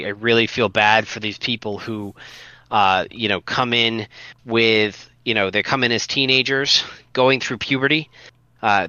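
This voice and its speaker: A man's voice: on the low side, bright, forceful tone, no room sound, rough recording. A man co-hosting a casual podcast, talking earnestly with many restarts and fillers. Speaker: podcast co-host.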